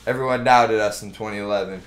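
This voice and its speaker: A young man doing live game commentary as a streamer, full of swearing and cocky, excitable sports-fan trash talk, recorded in an indoor room. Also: lowish voice, fast. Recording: roomy, echoing room sound.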